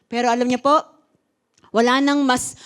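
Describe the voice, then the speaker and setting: A woman's voice: high voice, level tone, moderate pace, clear, resonant tone. A woman pastor preaching a sermon to a congregation, telling her own story expressively and mixing Tagalog with English. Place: church service before a congregation.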